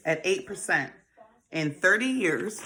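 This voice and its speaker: On a low-quality recording, a woman in her forties speaks in a low, bright, forceful voice, expressive and unhurried. She hosts a casual financial advice talk about saving money, chatty and quick to laugh, calling her listeners honey and baby.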